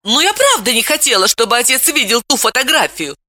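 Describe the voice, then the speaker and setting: Woman doing a bratty young woman, high and shouty, bright voice. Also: very animated, normal speed, dry recording, studio quality, exaggerated voice. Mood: defiant, brash. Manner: loud, exclamatory, cheeky. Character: brash young woman, defiant and provocative. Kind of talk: audiobook character voice.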